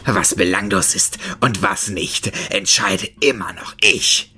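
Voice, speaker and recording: A man's voice: sits low, slow, bright, forceful tone, husky, heavily acted. A man voicing a monstrous, paranoid old man who bellows accusations in a distorted voice. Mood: paranoid accusing.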